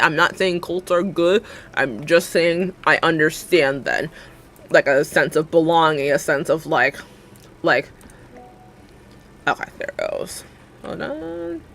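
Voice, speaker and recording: A young adult woman livestreams, chatting casually with her viewers in a low-sitting, fairly bright voice. She rambles, fills her talk with fillers, and laughs often.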